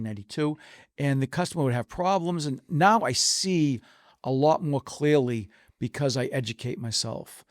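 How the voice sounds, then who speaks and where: A man's voice: mid-range voice, a little mellow, no echo, clean studio sound. A man in his forties, a flooring contractor talking as a podcast guest, telling stories and acting out what customers say. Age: 40s. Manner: storytelling, acts out customer dialogue. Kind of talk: casual podcast chat.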